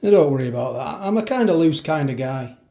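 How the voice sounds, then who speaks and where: A man's voice: fairly high pitch, lively intonation, fast, echoey room, noisy background. A man doing a casual review of a supermarket meal kit in his kitchen, chatty and self-mocking with rambling asides. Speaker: food reviewer. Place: home kitchen.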